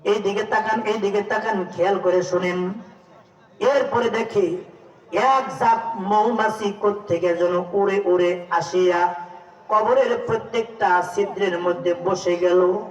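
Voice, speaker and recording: A man preaching a sermon to a large outdoor gathering, chanting and shouting and calling the crowd to repeat. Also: sits high, steady tone, measured pace. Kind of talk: sung Bengali waz sermon. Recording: distant echoey hall through lo-fi PA.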